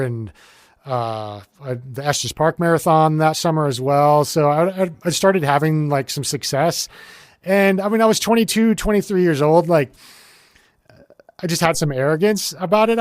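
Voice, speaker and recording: An American man in his forties, an ultrarunner, appears as a guest in a casual interview, rambling with lots of fillers and restarts. His voice is fairly high-pitched, captured with clean studio sound and no room echo.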